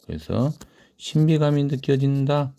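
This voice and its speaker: A man's voice: medium pitch, expressive, measured pace, vocal fry, mellow. A man teaching a literature lesson, who asks the class questions and then answers them himself. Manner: reads quoted lines aloud in a raised voice. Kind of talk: classroom lecture on a short story.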